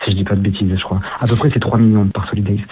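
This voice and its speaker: Fast-talking man over a phone line. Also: on the low side, flat delivery, a little hiss or hum. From France. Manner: fast, earnest, many restarts. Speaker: guest, social media activist. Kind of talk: interview answers.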